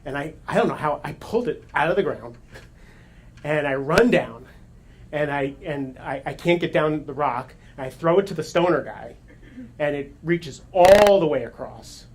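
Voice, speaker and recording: Man telling a lively story. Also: on the high side, moderate pace, breathy edge. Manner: animated, excited retelling with self-corrections and laughs. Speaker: coach and speaker. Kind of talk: storytelling talk to an audience.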